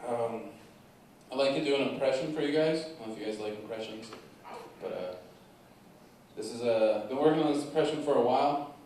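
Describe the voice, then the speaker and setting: A man doing a stand-up comedy set on a theater stage, telling a story with animated delivery that bursts into loud stretches. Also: mid-range voice, brisk, pauses often, slight background noise. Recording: echoey room from far off.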